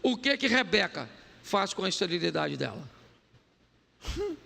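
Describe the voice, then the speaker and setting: A man preaching a humorous sermon as a pastor, animated and often quizzing the listeners. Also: high voice, a little slow, vocal fry, big-room sound. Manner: animated, joking, asks the crowd "sim ou não?".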